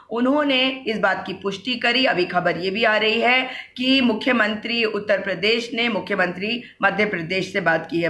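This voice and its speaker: A woman giving solo political commentary in an earnest, questioning way, pausing often as she thinks aloud. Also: medium pitch, sharp tone, roomy sound, a little hiss or hum. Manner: earnest, questioning, frequent hesitations.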